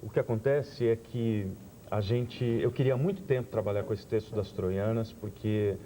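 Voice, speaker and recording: A man, a theater director on a TV talk show, explaining his work in a thoughtful, measured way. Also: fairly low pitch, warm tone, slight background noise. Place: TV studio.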